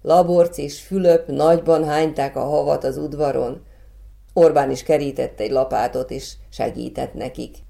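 A woman reading a fairy tale aloud for children in a calm, even storybook manner. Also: low-pitched, vocal fry.

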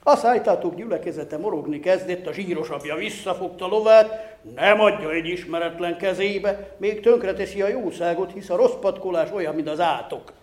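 A man telling an old folk tale in a lively, folksy way with rustic, old-fashioned words. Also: high voice, roomy sound. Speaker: storyteller.

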